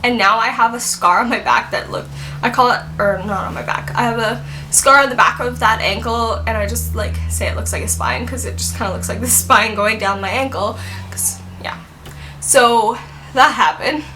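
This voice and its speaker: Over a noisy background, a woman in her twenties tells a story for a casual vlog in a slightly high voice at a moderate pace. She's chatty and rambling, saying "like" constantly.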